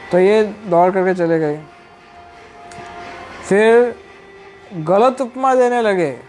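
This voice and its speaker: A man giving a storytelling sermon as a devotional speaker, retelling lively scenes with acted dialogue and frequent "haan" asides. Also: high voice.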